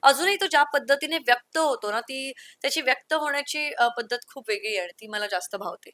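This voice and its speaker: Interview guest: young woman from the Konkan, bright, slightly high voice, lively anecdotes, dry close sound. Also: fairly quick, no room sound. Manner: storytelling, lively with quoted asides. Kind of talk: candid conversational interview.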